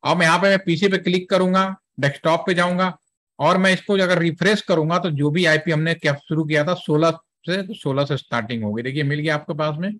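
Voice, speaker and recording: A networking trainer with a slightly high, a bit bright voice talks fairly quickly through a classroom lecture with a software demo. He explains step by step in a chatty way, mixes English terms into his talk, and asks students checking questions now and then to make sure they're following.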